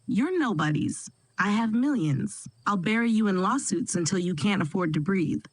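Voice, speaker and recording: A woman's voice: medium pitch, lively intonation, moderate pace, no echo, natural voice. A woman doing a sneering wealthy villainess.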